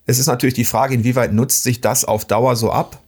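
A man discussing video games in a casual conversation, measured and full of hesitant pauses. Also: mid-range voice, steady tone, a little mellow, husky. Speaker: game critic.

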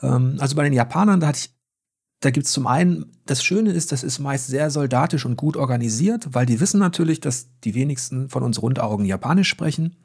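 Journalist guy with a husky voice, talks straight, opinionated. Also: medium pitch, expressive, a little fast, a little mellow. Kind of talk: casual conversation.

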